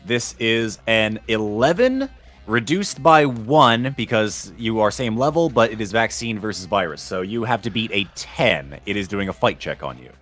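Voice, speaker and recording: Low-voiced male game master over music. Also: expressive, moderate pace, a bit bright. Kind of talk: narrating a tabletop role-playing game.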